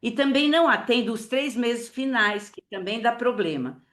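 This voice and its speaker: A woman's voice: fairly high pitch, lively intonation, moderate pace, fairly bright tone. Chatty woman teaching over a call. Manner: chatty, lots of fillers, acts out quoted dialogue. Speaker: family therapist teaching a workshop. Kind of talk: conversational online lecture with case stories.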